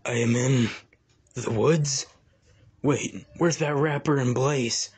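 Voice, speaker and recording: A man voicing a moody, exasperated young hedgehog with a whiny, grumbling manner and husky voice in an improvised comedy dub. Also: mid-range voice, takes it slowly, full character voice. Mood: puzzled, moody.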